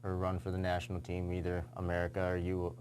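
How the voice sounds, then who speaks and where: A young man, a high school athlete, answering interview questions casually with lots of fillers. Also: monotone, fast talker, a little mellow, slight background noise. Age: young adult. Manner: casual, lots of "you know" and "kinda".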